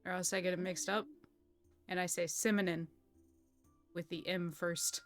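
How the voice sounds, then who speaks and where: A woman's voice: lowish voice, flat delivery, moderate pace, soft background music. A woman playing a tabletop game in a casual, playful way, laughing often. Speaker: player.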